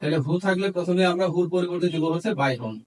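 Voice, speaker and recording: Speaking fast in a high voice over slight background noise, a Bangladeshi-accented man delivers a lesson. He explains each step in turn, dictates bit by bit, and blends Bengali with English terminology.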